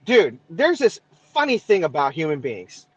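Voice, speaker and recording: His pitch swoops wildly and sits on the high side, and his voice is slightly rough at a moderate pace. The co-host, a Mexican-American from East Los Angeles in Southern California, chats casually on a podcast, swearing freely and asking "right?", with no room sound and the highs cut off.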